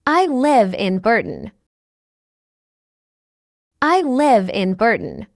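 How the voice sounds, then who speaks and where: A friendly woman learner in a scripted practice dialogue, read by a woman. Her voice is high and lilting, with a wide swing in pitch. She speaks very slowly and shapes each word with care. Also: wildly swooping pitch, creaky, dry recording, clean studio sound, exaggerated voice. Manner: slow, carefully enunciated, each line said twice. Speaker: dialogue reader.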